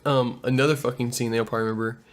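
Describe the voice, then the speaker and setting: A man's voice: medium pitch, steady tone, rapid-fire. Young man swearing through casual movie chat. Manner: swears a lot, retells scenes with quoted voices. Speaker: movie review co-host.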